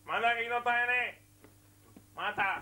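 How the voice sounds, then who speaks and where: A man's voice: very high voice, pushed and bright, heavily acted. A man playing a strict, scornful male yeshiva supervisor who barks orders and insults in an amateur comedy skit. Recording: roomy echoey room.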